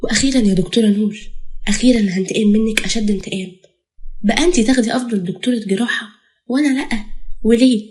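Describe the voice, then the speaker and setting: A woman's voice: mid-range voice, very fast, darkish tone, close to an everyday voice. A woman voicing a scheming, spiteful young wife, in an Egyptian accent, with a cold manner.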